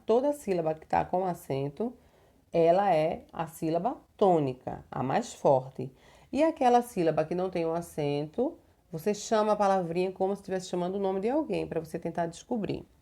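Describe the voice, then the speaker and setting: Slow, patient and didactic, a Brazilian primary school teacher with a slightly low, warm voice leads a recorded homework lesson for young children. Her Brazilian Portuguese accent comes through as she stretches words out and leans on diminutives and checking tags.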